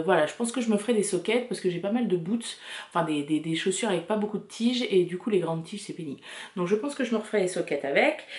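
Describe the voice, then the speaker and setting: Woman, 30s, knitting vlogger, rambling chatty delivery, mid pitch, echoey home room. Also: darkish tone. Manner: chatty, rambling, many fillers and restarts. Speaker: knitting podcast host. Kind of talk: casual chat to camera.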